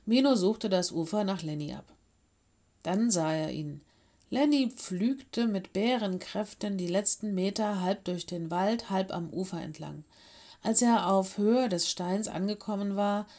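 A woman reading a children's story aloud in a calm, gentle storytelling voice. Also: medium pitch.

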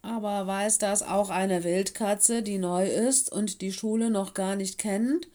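A woman's voice: mid-range voice, slow pace, warm tone, natural voice. A woman voicing an eager, impulsive little boy wolf in a storybook reading, who blurts out and stammers. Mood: urgent. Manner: blurting, anxious. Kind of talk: audiobook reading.

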